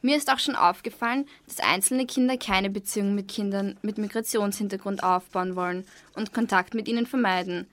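A woman's voice: medium pitch, fairly quick, hardly any pauses, fairly bright tone. A young woman, a trainee kindergarten teacher, carefully reading prepared answers in a radio interview. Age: young adult.

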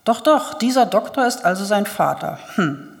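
A woman reading the lines of a proud older male aristocrat, slow and ironic. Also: medium pitch, big pitch swings, vocal fry. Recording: long hall reverb.

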